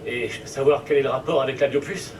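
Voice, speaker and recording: A man's voice: medium pitch, fairly even intonation, fast talker, lightly acted. A man as a wary, clipped male inventor; game dub heard distant, with noise. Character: nervous male scientist, bioware inventor.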